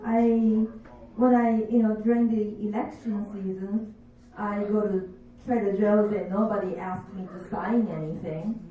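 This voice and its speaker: A woman in her fifties, not a native English speaker, doing a stand-up comedy set with slow, deadpan, self-mocking delivery. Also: medium pitch. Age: 50s. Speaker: stand-up comic. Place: comedy bar stage. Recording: echoey bar room, distant dull mic.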